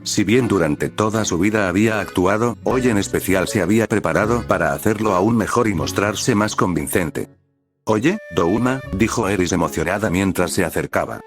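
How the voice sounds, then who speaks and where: Low-voiced man narrating fan fiction. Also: a little fast, hardly any pauses. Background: faint music.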